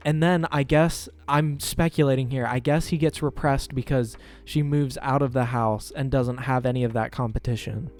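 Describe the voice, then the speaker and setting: A man's voice: medium pitch, steady tone, moderate pace, few pauses, a little mellow. Young man musing in casual podcast chat. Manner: hesitant, speculative, full of restarts. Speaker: podcast co-host. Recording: faint music under the voices. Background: faint background music.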